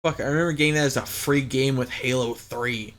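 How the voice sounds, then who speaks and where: A man's voice: mid-range voice, steady tone, brisk, fairly bright tone. A man co-hosting a casual gaming podcast, laid-back and blunt, with casual swearing. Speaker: podcast co-host. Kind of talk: casual chat about games.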